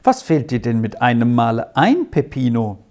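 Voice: medium pitch, sing-song, moderate pace, a little mellow. A reader voicing an insistent, well-off lady traveler who scolds and commands in an audiobook story. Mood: annoyed. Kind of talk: audiobook reading.

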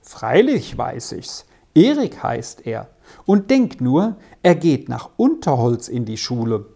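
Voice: mid-range voice, big pitch swings, slow, vocal fry, warm tone, exaggerated voice. A storybook reader voicing Kätheli, a busy farm girl who chatters in a self-important way.

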